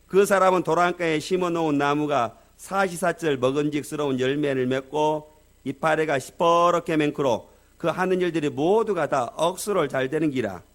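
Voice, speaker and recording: A man's voice: a little high, lightly acted. A man doing a bossy Gyeongsang churchgoer. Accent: Gyeongsang dialect. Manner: bossy, lecturing, scolding rhetorical questions. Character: blunt Gyeongsang churchgoer reciting a psalm.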